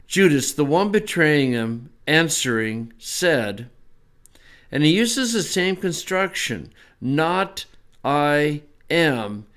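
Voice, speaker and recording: Man giving a relaxed Bible lesson. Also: on the high side, slow. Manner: relaxed, conversational teaching with small asides. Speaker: Bible teacher.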